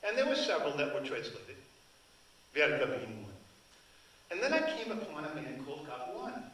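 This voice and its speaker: At a book event in an echoey hall, an older man who translates and writes tells rambling anecdotes, restarting often; Sicilian is his first language. His voice sits on the high side, very animated and a bit bright, at a moderate pace. The far-off mic picks up slight background noise.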